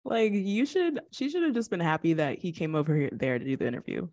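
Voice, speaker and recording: Expressive young woman podcast co-host. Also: fairly low pitch, fast, no room sound. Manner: expressive, laughs often, rising rhetorical questions. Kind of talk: casual chat.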